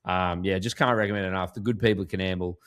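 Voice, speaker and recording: A man's voice: low voice, steady tone, quick pace, a bit bright, clear, resonant tone. An Australian man co-hosting a sports podcast, chatting casually with many ums and restarts. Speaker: podcast co-host. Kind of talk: casual chat.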